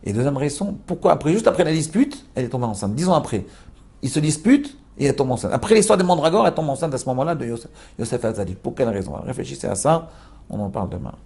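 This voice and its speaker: A man with a gravelly, dark voice teaches a Torah class. He tells the story as he goes, throws questions back at the room and often repeats and reworks his phrases. His tone stays husky throughout. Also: mid-range voice, very animated, quick pace. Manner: storytelling with rhetorical questions to the listeners; repeats and restarts phrases as he explains. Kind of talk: lively spoken Torah lesson to a class.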